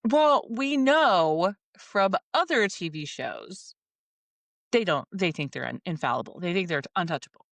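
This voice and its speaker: A woman co-hosting a podcast, chiming in with quick comments and agreement. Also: fairly low pitch, animated, vocal fry, fairly bright tone, no room sound. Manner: quick reactive interjections and agreement. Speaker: podcast co-host. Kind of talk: casual podcast chat.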